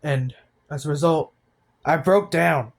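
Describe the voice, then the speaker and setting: A vlogger of eighteen talks through his emotions, his speech halting and dejected, with many restarted sentences. His voice leans high and has a gravelly quality.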